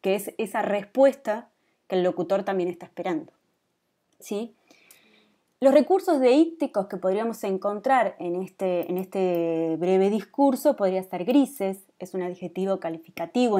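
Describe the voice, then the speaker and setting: Mellow-voiced Rioplatense woman teaching. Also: medium pitch, lively intonation, normal speed. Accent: Rioplatense Spanish. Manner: explanatory, checks in with students with frequent "¿sí?". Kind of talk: online class lecture.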